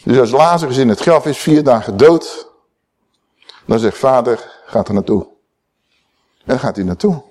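A man preaching a sermon, quoting scripture dramatically, swinging between emphatic raised calls and low, hushed asides. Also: animated. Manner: quotes scripture aloud, slowing on key words.

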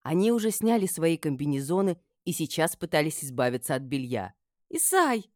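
Female audiobook narrator, low voice, lively delivery, dry studio sound. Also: fairly quick, no echo. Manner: lively, expressive. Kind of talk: first-person novel narration.

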